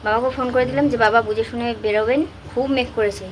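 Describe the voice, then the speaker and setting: A woman's voice: fairly high pitch, steady tone, very fast, slight background noise. A housewife vlogging from home, chatting casually and straight to her viewers while recording on a handheld phone. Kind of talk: casual vlog chat to viewers. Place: at home, indoors.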